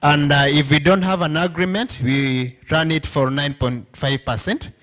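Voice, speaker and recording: A Kenyan man speaks in a fairly high male voice. He presents informally to a group, switching between two languages and often checking that listeners follow. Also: fairly even intonation, moderate pace, fairly bright tone. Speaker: bank representative presenting to union members. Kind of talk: informal presentation mixing English and Swahili.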